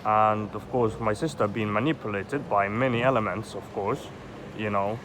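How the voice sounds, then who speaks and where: Loud outdoor street traffic fills the background as a man from Egypt, in his thirties, delivers an agitated, meandering vlog monologue. He curses a lot and keeps saying "you know," speaking at normal speed in a fairly low voice.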